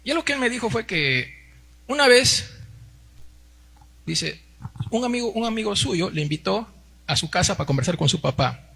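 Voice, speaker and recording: Peruvian pastor man giving a sunday sermon, bright but kinda husky voice, keeps saying "right?" to the brothers. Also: high-pitched, animated, moderate pace, long pauses. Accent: Peruvian Spanish. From Peru. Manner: peppers speech with tag questions, addresses the congregation as brothers.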